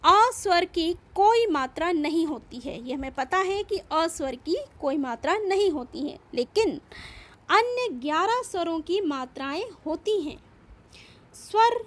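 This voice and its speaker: A woman teacher giving a patient, step-by-step grammar lesson, explaining and repeating each point. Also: very high voice. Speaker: school teacher. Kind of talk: slow classroom grammar lesson.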